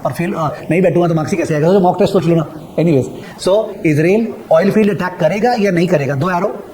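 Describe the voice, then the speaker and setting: A middle-aged man lectures on finance with a fairly high voice. He is emphatic and keeps repeating key phrases, dictating them slowly for students to copy down. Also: mellow, a little hiss or hum, low-quality recording. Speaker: finance teacher. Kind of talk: classroom lecture mixing Hindi and English.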